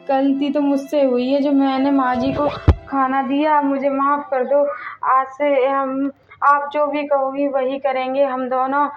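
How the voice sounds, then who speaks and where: A woman voicing a dutiful young daughter-in-law who speaks politely and obediently. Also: sits high. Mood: apologetic. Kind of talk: family drama voice acting. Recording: dull audio with faint music.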